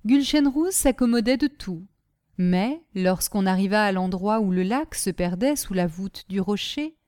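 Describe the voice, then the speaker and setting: A woman narrating a classic tale as an audiobook reader, in a measured storytelling manner. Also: medium pitch, expressive, a little mellow, dry recording, clean studio sound. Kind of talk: scripted narration.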